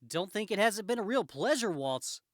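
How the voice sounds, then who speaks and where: A man's voice: high-pitched, big pitch swings, normal speed, dry recording, clean studio sound, voice pushed up. A man voicing a wisecracking comic-book superhero, cocky and aggrieved, in a theatrical, quippy manner. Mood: cocky, taunting. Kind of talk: comic book read aloud in character.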